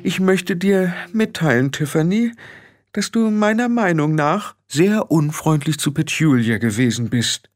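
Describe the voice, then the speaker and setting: Ein Mann spricht eine fürsorgliche ältere Dorfhexe. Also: male voice, fairly high pitch, animated, measured pace, soft background music, pitched above the performer's own voice. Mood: fussy, cheerful. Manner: fussy, cheerful. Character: caring older village witch woman, busy and cheerful.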